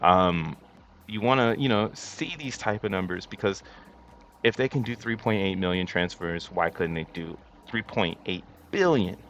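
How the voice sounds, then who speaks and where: Deep-voiced crypto bro guy livestreaming. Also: normal speed, fairly bright tone. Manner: crypto bro hype talk, slangy and boastful. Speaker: livestream host. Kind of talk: casual crypto commentary to a live chat. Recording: dull lo-fi mic with faint background noise.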